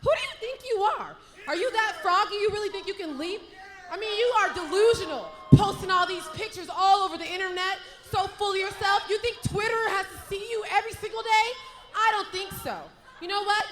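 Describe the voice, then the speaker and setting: A woman's voice: very high voice, a bit bright. A woman playing a jealous, menacing female wrestling villain, trash-talking in a sassy, belligerent manner. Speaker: pro wrestler. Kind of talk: wrestling trash-talk promo.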